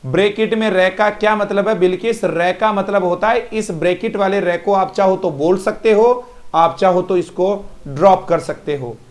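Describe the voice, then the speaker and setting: A man's voice: high-pitched, normal speed. A man teaching English pronunciation in a live online class with an Indian English accent, repeating each word and praising students by name.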